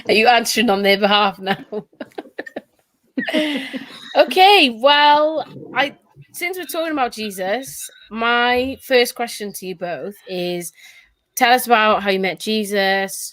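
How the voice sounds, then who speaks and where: A woman's voice: medium pitch, takes it slowly, fairly bright tone, dry recording. A woman co-hosting a casual talk show, joking and asking the guests questions. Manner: playful, joking. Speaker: co-host. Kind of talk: casual chat.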